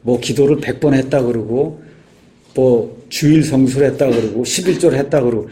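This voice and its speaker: A man giving an informal sermon, explaining patiently with frequent pauses and filler words. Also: mid-range voice, mellow, a little hiss or hum. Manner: halting, many "ye" fillers, explanatory. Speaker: guest speaker.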